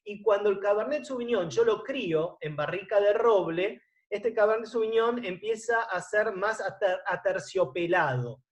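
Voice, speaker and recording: A man's voice: high-pitched, animated, normal speed, hardly any pauses. A middle-aged man, giving an online wine lesson and often checking in with a rising question. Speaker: wine course teacher. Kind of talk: online lecture.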